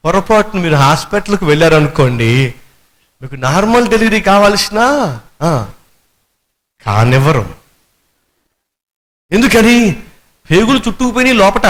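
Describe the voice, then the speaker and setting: A man with a Telugu accent preaching a sermon as a pastor, animated, with rhetorical questions and acted-out quotes. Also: sits high.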